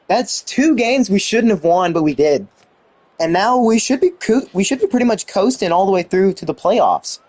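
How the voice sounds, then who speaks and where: A young man giving excited commentary on a football video game he is playing, exclaiming and mildly swearing. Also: high voice. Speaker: gaming YouTuber.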